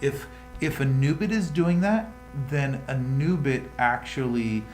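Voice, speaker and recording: On a livestream about crypto news, a man with a medium-pitched, somewhat mellow voice takes his time. He reads each headline and then rambles casually about it, against background music in a room full of echo.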